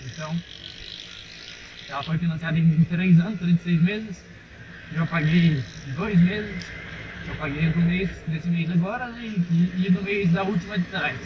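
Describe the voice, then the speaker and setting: A young Brazilian motovlogger with a fairly high voice speaks at a measured pace, chatting casually in Brazilian Portuguese and calling his viewers "rapaziada" as he rides a motorcycle on an outdoor dirt road. The audio from his helmet-mounted action camera is dull and muffled, with loud, steady engine and wind noise.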